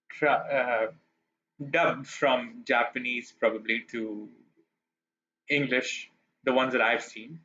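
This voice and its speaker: A man's voice: medium pitch, bright, forceful tone, lo-fi sound. A man chatting casually to his stream chat while playing a game, rambling and poking fun at himself. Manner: chatty, rambling, self-deprecating. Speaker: gaming streamer.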